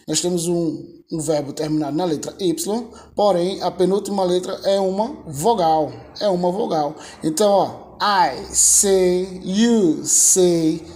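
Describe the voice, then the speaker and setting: Brazilian teacher, unhurried and patient, repeats word lists for the class. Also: mid-range voice, darkish tone. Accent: Brazilian Portuguese. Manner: patient, drills word lists, asks rhetorical questions. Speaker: English teacher. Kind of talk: video lesson explaining verb conjugation.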